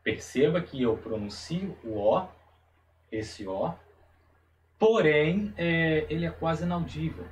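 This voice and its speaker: Man teaching slowly, repeating each term. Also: a little high, distant mic, a little hiss or hum, rough recording. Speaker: Hebrew teacher. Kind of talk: video lesson.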